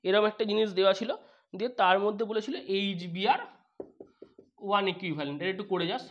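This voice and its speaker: A man teaching a chemistry exam-prep lesson online, brisk and repetitive, speaking to students like close friends. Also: sits high, highs cut off. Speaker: chemistry tutor.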